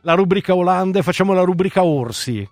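A male radio host in quick, playful, teasing banter with his co-host. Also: high-pitched, expressive, a little mellow, no echo, soft background music. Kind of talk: casual, joking radio banter.

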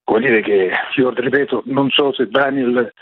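A man's voice: medium pitch, a little slow, breathy edge. A man in his sixties calling in over the phone, a retired worker making his point bluntly and insistently. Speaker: caller, retired postal worker. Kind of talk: call-in to a radio talk show. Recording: tinny phone line.

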